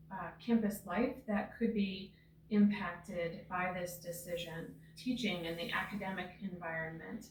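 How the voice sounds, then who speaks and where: A middle-aged woman, a university head of gynecology, speaking thoughtfully with frequent pauses and fillers. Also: lowish voice, far from the mic, slight background noise. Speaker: gynecology chief. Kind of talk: news interview statement. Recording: roomy sound from off mic.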